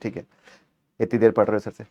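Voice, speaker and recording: A man's voice: on the low side, flat delivery, a little fast, lo-fi sound. Playful male accounting teacher. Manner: playful, scolds answer options, switches between Hindi and English. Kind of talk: exam-prep lecture.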